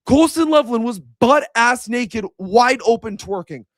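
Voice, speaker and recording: A man's voice: extremely high pitch, expressive, a little slow, no echo, studio quality. A young man giving a heated, blunt reaction rant as a sports commentator. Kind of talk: ranting reaction video.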